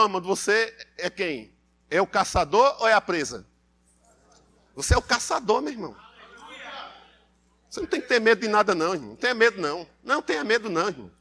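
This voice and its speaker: A man's voice: high-pitched, bright, forceful tone. A Brazilian man preaching a sermon in church, emphatic and repetitive, calling the congregation beloved. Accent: Brazilian Portuguese. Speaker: pastor.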